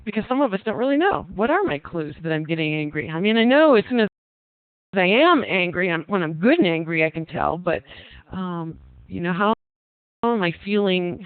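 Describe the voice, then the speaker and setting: A man's voice: sits high, clean tone, dry recording. A man leading a parenting class, chatting casually with frequent ums, reading out the group's answers and asking them questions. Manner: reads out participants' answers and asks the group questions; relaxed, conversational, frequent ums. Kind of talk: online class lecture. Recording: tinny phone-like line, dry.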